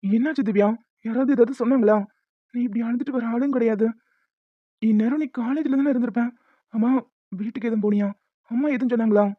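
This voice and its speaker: A woman's voice: fairly high pitch, quick pace, long pauses, no echo, close to an everyday voice. A woman voicing a caring, protective young husband in a cartoon story, tender and earnest. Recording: dull lo-fi audio with faint music.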